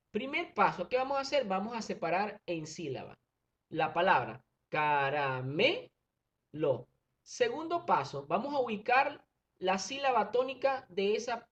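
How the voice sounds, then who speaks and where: A male primary school teacher giving a recorded online grammar lesson, explaining patiently step by step and often checking that students follow. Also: sits high. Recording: dull lo-fi recording.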